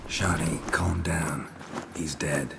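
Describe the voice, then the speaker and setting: A grizzled monster hunter from a video game, with a very deep, gravelly voice. He talks in short, clipped, unhurried lines, and a faint hiss of background noise sits under him. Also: fairly even intonation, exaggerated voice. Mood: stern, laconic. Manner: terse, clipped. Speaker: witcher.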